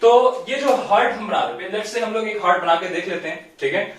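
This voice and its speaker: A man's voice: high-pitched, brisk. A man teaching a biology class at a whiteboard. He explains step by step, keeps checking in with the class and mixes English terms into his talk. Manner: explanatory, repeats "theek hai" often, mixes English terms. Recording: very echoey room, distant mic.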